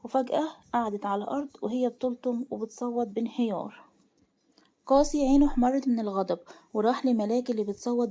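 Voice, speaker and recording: A woman's voice: on the high side, mellow. A woman with an Egyptian accent reading a dramatic romance story aloud. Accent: Egyptian Arabic.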